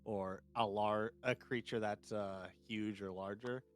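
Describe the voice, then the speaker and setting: A man playing in a tabletop game over voice chat, explaining things haltingly and restarting often. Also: on the low side, steady tone, clean tone. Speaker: player. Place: online voice chat.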